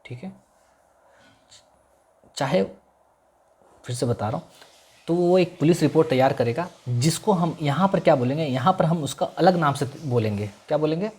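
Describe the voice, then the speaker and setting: A male law lecturer, teaching in a classroom style. He keeps asking his listeners to repeat the key terms and stretches out English legal phrases slowly. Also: fairly high pitch, animated, a little mellow, husky. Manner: repeats key terms as call-and-response questions.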